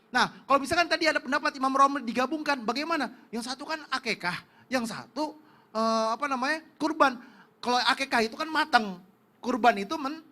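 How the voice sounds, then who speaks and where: A man's voice: very high-pitched, bright, forceful tone. A man preaching on a religious television talk show, explaining rulings earnestly with frequent fillers.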